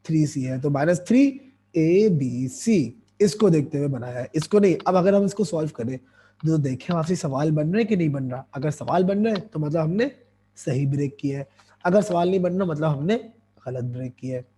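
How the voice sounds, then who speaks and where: A hoarse man teaching a math lesson, explaining each step and asking his students questions as he goes. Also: a little high, expressive, fairly quick, warm tone.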